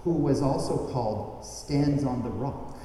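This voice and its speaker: A man's voice: mid-range voice, slight background noise. Man reading scripture in cathedral echo. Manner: slow, measured reading with lively intonation. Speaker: gospel reader at a church service. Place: large church. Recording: cavernous church reverb from a distant mic.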